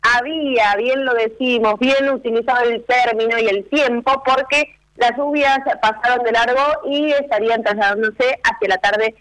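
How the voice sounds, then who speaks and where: A woman's voice: a little high, fairly even intonation, moderate pace, a bit bright, poor audio. Upbeat Argentine woman hosting morning radio. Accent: Argentine Spanish. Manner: upbeat and chatty. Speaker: radio show host.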